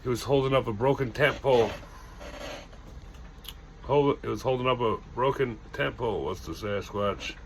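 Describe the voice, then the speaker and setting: A man's voice: mid-range voice, normal speed, long pauses, a little hiss or hum. A man hosting a ghost story channel, telling a tale casually with loose self-corrections and dramatic emphasis. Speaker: storyteller host.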